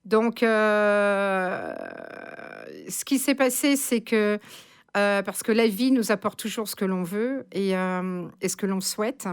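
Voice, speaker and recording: A woman's voice: medium pitch, slow pace, clean tone. A woman in her sixties from France, a radio guest telling her story with many hesitations and fillers. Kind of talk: casual radio interview.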